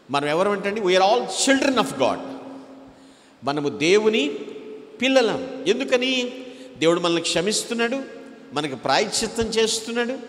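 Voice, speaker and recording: Emphatic preacher in echoey hall. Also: male voice, sits high. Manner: emphatic preaching with cries of hallelujah and English phrases mixed in. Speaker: pastor. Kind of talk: sermon. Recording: echoey hall with long reverb.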